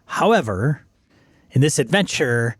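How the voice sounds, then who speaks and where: A man co-hosting a casual gaming chat. He talks in a measured, thoughtful way and sometimes trails off. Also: medium pitch, big pitch swings, breathy edge, no room sound, studio quality.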